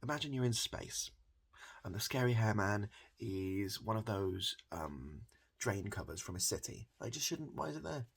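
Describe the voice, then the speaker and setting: A British man with a soft, breathy, lowish voice improvises an ASMR comedy roleplay as a barber at normal speed. He rambles hesitantly with deadpan absurdity, repeating phrases and swearing.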